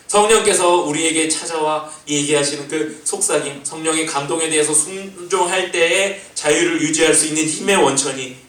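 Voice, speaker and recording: A senior pastor preaching a Sunday sermon, voicing rebukes as questions and asking the congregation how they are doing. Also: male voice, on the high side, a bit bright. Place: church sanctuary. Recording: echoey church hall from far off.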